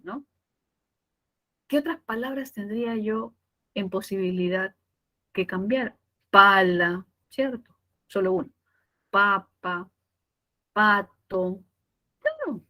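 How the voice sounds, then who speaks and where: A language teacher delivers a class lecture. Her voice sits in a middle pitch for a woman. She keeps checking in with her students through questions and slows right down to stress each technical term. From Peru. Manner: explains step by step with rhetorical questions and tag checks; stretches key terms slowly for emphasis. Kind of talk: pre-university class lecture.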